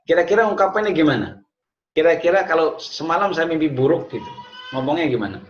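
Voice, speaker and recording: A man teaching an online class, telling lively stories and mixing in Arabic phrases. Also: on the high side, fast talker, soft background music. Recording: echoey, dull lo-fi room sound.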